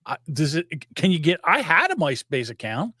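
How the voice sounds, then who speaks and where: Here a South Jersey man, older, tells rambling stories as a podcast co-host, chatting casually and cursing freely with animated delivery. He speaks at a normal speed in a slightly high voice, captured in a dry, studio-quality recording.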